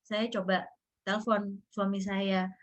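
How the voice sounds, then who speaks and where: A woman's voice: flat delivery, a little slow. A woman, earnestly telling her own painful experience as an interview guest, acting out what people said. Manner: earnest, acts out quoted dialogue with rising pitch. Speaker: guest sharing a personal story. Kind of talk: emotional personal storytelling.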